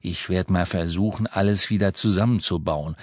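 A man's voice: sits low, darkish tone, dry recording, clean studio sound. A man voicing a fretful middle-aged wizard father who talks hesitantly in an audiobook. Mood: sheepish. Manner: hesitant, sheepish, halting.

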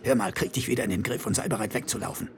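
A man voicing a smooth, quick-witted young con man who talks in an innocent-sounding way. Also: on the low side, natural voice. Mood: wry.

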